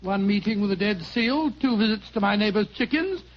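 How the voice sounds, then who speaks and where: A man's voice: high voice, expressive, moderate pace. A man playing a genial, fussy older English doctor who reminisces hesitantly and repeats himself in a 1940s radio drama. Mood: genial, chatty. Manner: avuncular, hesitant, repeats phrases. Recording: dull 1940s radio recording.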